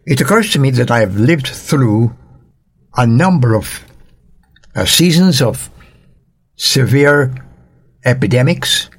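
An older man from Jamaica, giving gentle devotional counsel as a radio Bible teacher, earnest and fatherly with a touch of dry humor. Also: mid-range voice, lively intonation, slow pace, pauses often, breathy edge.

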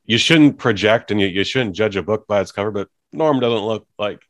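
A man hosting a casual podcast chat, talking in an animated way and acting out scenes he describes. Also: on the low side, moderate pace. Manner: animated, acts out quotes. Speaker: podcast host.

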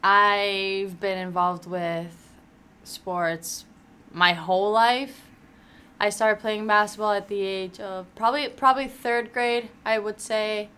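Bright-voiced young woman, chatty guest. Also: medium pitch, steady tone, slow pace, clean tone. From Greece. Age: early 20s. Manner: chatty, uses many fillers. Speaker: graduating student guest. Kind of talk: casual interview answers.

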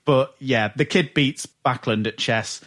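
A man's voice: mid-range voice, measured pace, a bit bright. Man, podcast host, casual chat, amused recapping.

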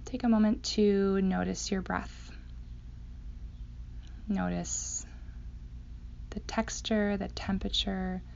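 A woman leading a guided meditation in a slow, hypnotic, soothing manner with long pauses, her voice going breathy at phrase ends. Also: medium pitch, a little mellow. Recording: dull sound, faint background noise.

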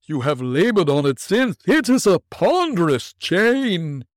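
Storybook ghost of an old businessman, high, slow and wailing, heavy with regret. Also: very animated, no echo, clean studio sound. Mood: solemn, grave. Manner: slow, mournful, booming declamation. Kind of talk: storybook reading.

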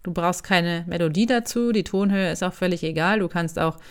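A woman, hosting her own podcast as a voice coach in a relaxed, chatty way with frequent fillers. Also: on the low side, a little fast, clear, resonant tone. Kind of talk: casual solo podcast talk.

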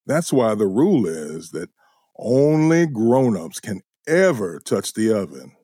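A man voicing a gentle male bear who calmly explains safety rules to a child in a children's show. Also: lowish voice, no room sound, studio quality. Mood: patient. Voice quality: slow, calm explaining. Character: gentle male bear friend, patient teacher.

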